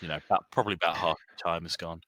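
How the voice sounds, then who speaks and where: A man's voice: low voice, fairly even intonation, rapid-fire, pushed and bright, no room sound. A man running a tabletop game as game master, describing the scene step by step.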